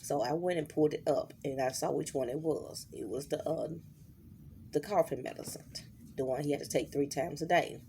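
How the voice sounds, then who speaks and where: A middle-aged woman, talking in a halting, worried diary vlog and holding back tears. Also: deep voice, gravelly, mellow, slight background noise. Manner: halting, many fillers and restarts. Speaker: vlogger.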